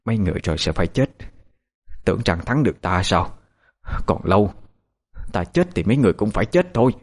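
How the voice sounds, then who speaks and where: A man's voice: very animated, fairly quick, exaggerated voice. A man voicing a vicious old witch stepmother who snarls and curses shrilly. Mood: gloating. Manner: shrill, spiteful cursing.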